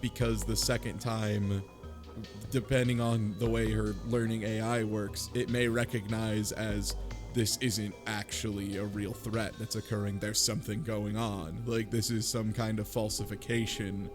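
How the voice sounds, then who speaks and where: A podcast panelist discussing a visual novel chats casually and speculatively with a group, swearing freely and acting out imagined lines. His voice is lowish, flat and a little slow, with music playing in the background.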